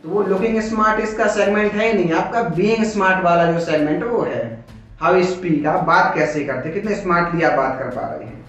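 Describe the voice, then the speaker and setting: A coaching instructor with an Indian accent gives an informal classroom-style lecture mixing Hindi and English, posing questions and answering them himself. His voice sits high, fairly quick and a bit bright. The recording is echoey and dull, with a distant mic and background music.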